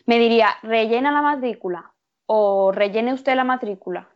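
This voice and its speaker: Female student answering lesson prompts, high-pitched, muffled and slightly distant. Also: normal speed. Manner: reads example phrases aloud.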